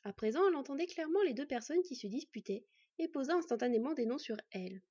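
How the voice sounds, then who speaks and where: A woman narrating a story aloud in a calm, even reading voice, in a slightly muffled recording. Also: sits high, fast talker, slightly rough, no room sound.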